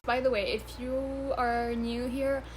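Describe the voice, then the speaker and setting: Speaking slowly in a fairly high, flat-sounding voice, this twenty-something vlogger chats and giggles over a noisy background. English is her third language, not her first, and she curses and stumbles as she rambles.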